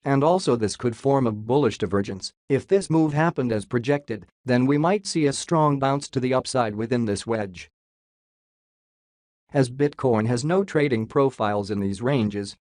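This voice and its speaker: A man's voice: mid-range voice, darkish tone, dry recording, studio quality. A man whose voice runs through a robot voice filter, walking casually through price charts and joking as he goes. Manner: jokey, says "lol" aloud. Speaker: crypto chart analyst. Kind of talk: casual screen-share chart walkthrough.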